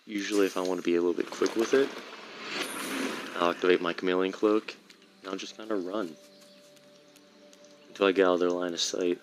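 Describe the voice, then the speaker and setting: A gameplay streamer with a deep voice talks brisk and casual while playing, with fairly even intonation and frequent pauses. His commentary rambles, and he often corrects himself mid-sentence. There's a little background noise.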